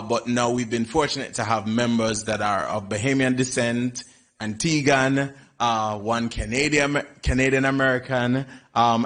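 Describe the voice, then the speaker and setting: A man from Jamaica, introducing his Caribbean folk group in a relaxed way. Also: medium pitch. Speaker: folk ensemble member. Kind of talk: casual stage introduction.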